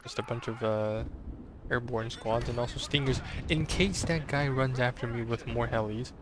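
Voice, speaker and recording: Game explosions and gunfire fill the background as a man casually comments on his strategy match at normal speed and medium pitch. He keeps restarting sentences and leaning on fillers, his voice strained and sore.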